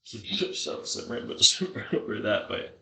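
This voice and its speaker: A man's voice: lowish voice, big pitch swings, moderate pace, gravelly, sharp tone, slight background noise. A man talking casually to himself as he cooks at home, sweary and slangy, in an exasperated mutter. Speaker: home cook vlogger. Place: indoors in a home kitchen. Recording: echoey room, distant microphone.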